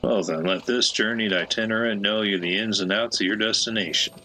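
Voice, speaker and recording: A man's voice: fairly low pitch, a little fast, bright, forceful tone, faint music behind, poor audio. A man voicing a chatty, folksy old male peddler with a put-on American Southwestern drawl, reading game dialogue in character.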